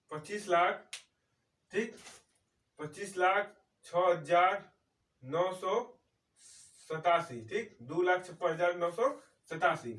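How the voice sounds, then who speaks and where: A man teaching a step-by-step math lesson. He explains slowly and keeps checking in with his students. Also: high voice, fairly bright tone, far from the mic. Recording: echoey room, speaker away from mic.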